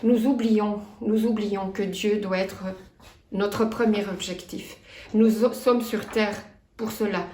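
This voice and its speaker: A woman in her fifties with a Belgian French accent, preaching a sermon in an earnest, measured way and reading scripture aloud. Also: mid-range voice, steady tone, darkish tone, roomy sound. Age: 50s. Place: church.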